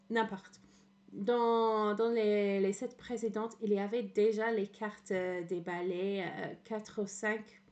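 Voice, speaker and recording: A woman with a medium-pitched, darkish voice, originally from England, streams in French with an English accent. Her casual commentary is full of hesitation and "euh" fillers, with English words mixed in and plenty of laughter.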